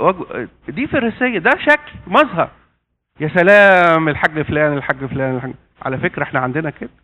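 A man with an Egyptian Arabic accent preaching an interactive sermon, quizzing his congregation with half-finished questions and dropping joking asides. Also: a little high. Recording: tinny phone-like sound.

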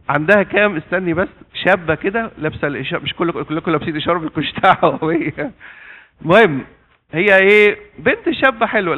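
A man with an Egyptian accent preaches at a quick clip in a high, lively voice. He keeps leaving sentences open for the congregation to fill in and slips in playful asides. The sound is thin and tinny, like it came over a phone line. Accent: Egyptian Arabic. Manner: quizzes the congregation with trailing fill-in questions, joking asides. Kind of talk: interactive sermon.

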